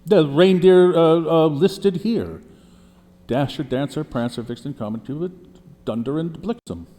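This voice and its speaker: A man's voice: a little high, a little slow, dark tone, close to an everyday voice. A man playing a deceased poet testifying as a witness in a mock trial, explaining at length with frequent restarts. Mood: earnest. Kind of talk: mock trial role-play. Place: courtroom. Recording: long hall reverb.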